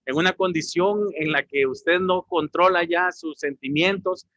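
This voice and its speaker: A man preaches a sermon, speaking to his congregation as brothers. His voice sits a little high for a man. The recording is dry and a bit dull. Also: unhurried, fairly bright tone, dry recording. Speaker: pastor.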